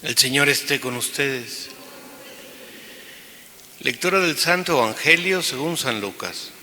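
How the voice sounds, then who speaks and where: Priest with a bright voice in cathedral echo. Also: male voice, medium pitch, lively intonation, measured pace. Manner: solemn proclamation, then reflective preaching. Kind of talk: gospel reading and homily at mass. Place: large church. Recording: long church reverb with faint hiss.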